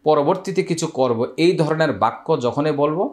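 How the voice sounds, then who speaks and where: A man teaching Quran recitation rules, explaining each step and drawing out the Arabic words slowly. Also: a little high, roomy sound.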